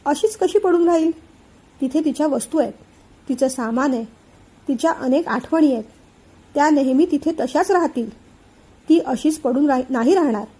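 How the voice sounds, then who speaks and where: An emotional young elder brother pours out his feelings in an earnest, heartfelt way, as a woman reads his part. The voice sits high but mellow. It is a storybook reading. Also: moderate pace, long pauses, close to an everyday voice. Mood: tender.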